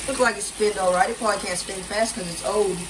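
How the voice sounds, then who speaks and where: A male vlogger with a high-pitched, steady voice talks fast as he rambles through a casual walkthrough of a condo kitchen, full of fillers and restarts. He stands by a running washer, and the recording is noisy with running water and appliance sounds.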